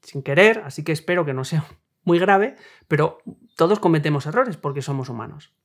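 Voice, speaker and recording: A young man talks through relationship advice in a calm, reasoned way. His voice sits somewhat high for a man. He lays each point out with everyday examples, like a host teaching his viewers. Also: a little fast. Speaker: self-help video host. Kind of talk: explanatory talk on relationships.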